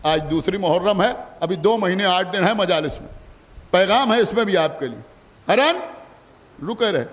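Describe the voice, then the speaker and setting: A male cleric with a Lucknow Urdu accent preaches a mourning sermon in a strikingly high voice. He drops to quiet asides, then rises to loud declaiming. The sound carries the long reverb of a large hall. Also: expressive, moderate pace. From India. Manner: swings between soft asides and loud declaiming. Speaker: Shia cleric. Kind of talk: Muharram majlis sermon.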